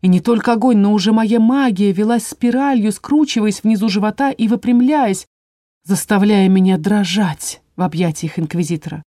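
A woman narrating a first-person fantasy story in an even storytelling manner. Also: mid-range voice, normal speed, no echo, studio quality. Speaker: audiobook narrator.

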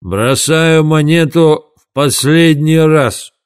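A man voicing a furious, cursing grown man who runs a fairground gallery, shouting slowly and heavily in an audiobook, with faint music behind. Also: medium pitch, animated, clean tone. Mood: demanding. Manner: bellowing, cursing, slow and heavy.

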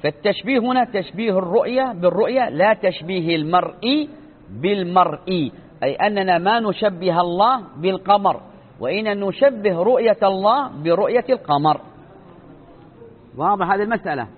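A man teaching a religious lesson, explaining slowly, repeating and stretching key words and asking rhetorical questions. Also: sits high. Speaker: sheikh teaching Islamic creed. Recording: tinny phone-like lecture recording.

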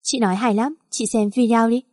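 A woman's voice: a little high, fairly even intonation, brisk, darkish tone, no echo, clean studio sound, lightly acted. A woman voicing a scheming, contemptuous young mistress in an audio story, with a mocking tone. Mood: scornful.

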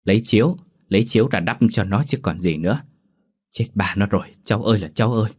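Man doing an old village woman, loud, wailing, raised pitch, storybook ghost tale. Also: quick pace, breathy edge. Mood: lamenting.

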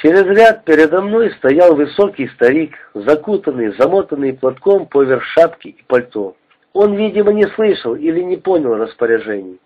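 A man narrating a memoir audiobook in a steady, grave reading. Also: on the high side, moderate pace, breathy edge. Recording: dull lo-fi recording.

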